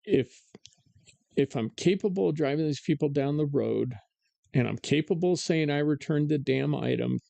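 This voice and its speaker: A man's voice: a little high, normal speed, creaky, dark tone, no echo. A man hosting a live-streamed talk show, chatting casually and ranting sarcastically with plenty of fillers. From United States. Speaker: podcast host.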